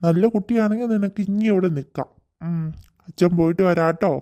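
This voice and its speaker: A man's voice: high-pitched, steady tone, a little fast, dark tone, natural voice. A man voicing a stern father in a cartoon, giving instructions to a child. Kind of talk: cartoon voice acting.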